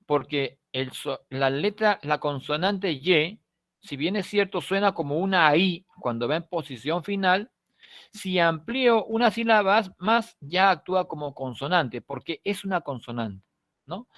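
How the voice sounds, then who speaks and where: A Peruvian teacher with a somewhat high, expressive voice gives a recorded online class lecture, explaining patiently and checking in with tag questions after nearly every point. He stretches key words slowly and lets phrases trail off softly. The sound is dry and close, with no echo.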